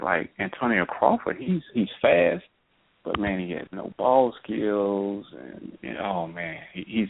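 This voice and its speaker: Male caller on the phone line, low and gravelly, dry and tinny, emphatic and opinionated. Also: no room sound. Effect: over the phone. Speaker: radio call-in caller. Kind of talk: casual chat.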